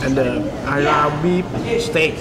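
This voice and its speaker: A man's voice: a little high, slow pace, very noisy. A middle-aged man from Thailand, a chef and owner, explaining his dishes hesitantly with fillers. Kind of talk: casual interview answers. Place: restaurant kitchen and dining room. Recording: echoey restaurant with long reverb and crowd.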